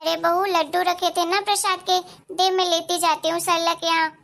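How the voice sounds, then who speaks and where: A woman's voice: very high-pitched, level tone, moderate pace, gravelly, fairly bright tone, full character voice. A woman voicing a strict older mother-in-law in a cartoon story, giving orders in a commanding way. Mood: bossy. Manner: instructing, commanding.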